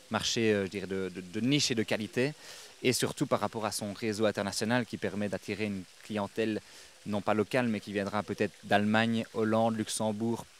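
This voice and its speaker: Low-voiced young businessman. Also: slight background noise. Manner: businesslike, hesitant with fillers. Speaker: real estate agent. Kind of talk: interview answers. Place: outdoors on a lawn. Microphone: interviewer's handheld microphone.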